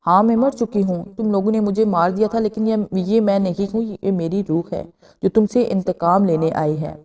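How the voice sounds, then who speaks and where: A woman's voice: mid-range voice, steady tone, dark tone, natural voice. A woman voicing a bitter, vengeful young female ghost in a spoken horror story. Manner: grim, threatening.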